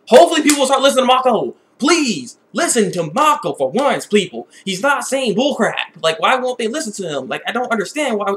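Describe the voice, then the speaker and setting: A man with a voice that sits high gives a casual, opinionated review of an episode, rambling in an excitable way and repeating words often.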